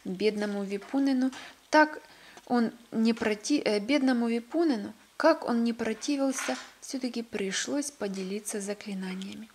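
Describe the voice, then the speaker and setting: Expressive woman reading a picture book. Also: on the high side, normal speed, few pauses, a little hiss or hum. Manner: expressive, occasional slips and restarts. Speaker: storyteller. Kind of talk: reading a children's book aloud.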